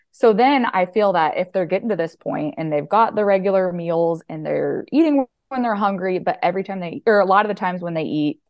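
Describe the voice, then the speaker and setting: A woman's voice: lowish voice, vocal fry, no room sound, clean studio sound. A woman health and nutrition coach, a guest chatting casually and easily in an interview, with plenty of fillers. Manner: relaxed, chatty, filler-heavy.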